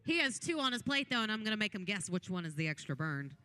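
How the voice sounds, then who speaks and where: Playful, lively woman hosting, bright. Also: mid-range voice, fast talker. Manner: playful, giggly, upbeat. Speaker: host. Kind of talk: hosting a hot wings challenge video.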